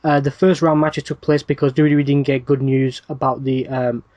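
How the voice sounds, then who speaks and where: A man's voice: mid-range voice, flat delivery, a little fast, a little mellow, no echo, lo-fi sound. A man hosting a wrestling podcast, reading news items in a casual rundown with dry asides and plenty of "uh" fillers.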